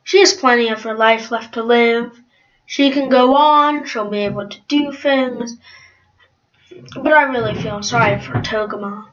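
A hesitant, rambling middle-aged man on a mock contest show, as a woman puts him on. The voice sits high and bright and unhurried, heard through a dull, lo-fi recording. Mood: wistful.

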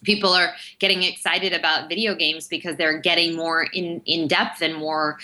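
A woman's voice: fairly low pitch, fairly even intonation, normal speed, bright, forceful tone. A woman, a guest voice actor, talking earnestly and at length in a podcast interview. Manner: earnest, explains at length with many fillers.

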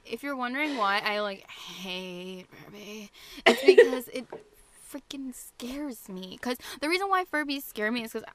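A woman's voice: sits high, animated, normal speed, bright, forceful tone. A woman co-hosting a podcast in casual chat, swearing lightly and laughing often. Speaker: podcast co-host.

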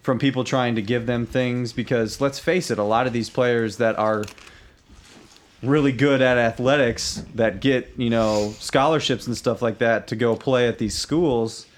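A man's voice: mid-range voice, steady tone, measured pace. A man co-hosting a talk show in casual chat, leaning on fillers as he makes his point. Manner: conversational, leans on fillers like "you know" and "like". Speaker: podcast co-host.

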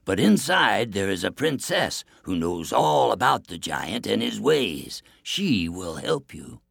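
Man playing a hungry sly wolf, slow and pleading, raspy gravelly voice. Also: on the low side, very animated, fairly bright tone, dry recording, studio quality, full character voice. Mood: knowing. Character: starving, cunning wolf, male.

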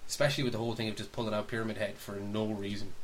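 A man with a lowish voice talks fast and flat while co-hosting a podcast. He rambles through opinions on films and games, thinking out loud in a casual way. The recording is clear, though background hiss runs underneath.

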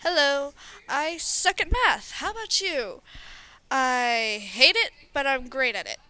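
A woman playing a blunt high-voiced teen girl. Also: expressive, slow, sharp tone, no echo, full character voice, low-quality recording.

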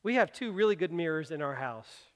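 Male pastor, sermon delivery, chatty but emphatic, personal asides; bright high voice, church hall echo. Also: animated, brisk. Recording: long reverb of a large hall.

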